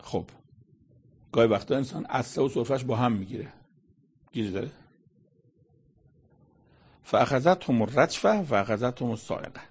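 A man's voice: medium pitch, expressive, long pauses, a little mellow, breathy edge. A man giving a conversational religious lecture, explaining scripture in everyday speech and quoting Arabic verses. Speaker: Quran commentator.

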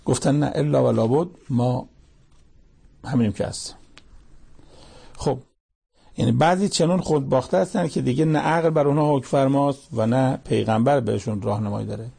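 Man, preacher, sermon, raspy fry in the voice, warm dark tone, rhetorical questions, recites scripture. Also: mid-range voice, pauses often. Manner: quotes Arabic verses and asks pointed rhetorical questions.

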